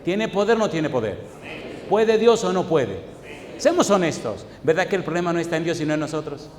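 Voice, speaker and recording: A pastor preaches a sermon in an echoey church hall with faint background noise, his voice on the high side, very animated, and a little fast. He repeatedly throws rhetorical questions at the congregation and tells stories from his own life.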